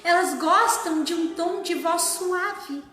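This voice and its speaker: A woman preaching a sermon, slow and emphatic, sometimes sliding into song. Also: extremely high pitch, a bit bright. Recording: echoey room.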